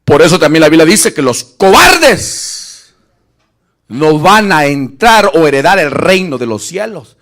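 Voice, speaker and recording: A man preaching an animated sermon, shouting at peaks and acting out Bible scenes in voices. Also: a little high, unhurried. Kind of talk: lively Spanish-language sermon.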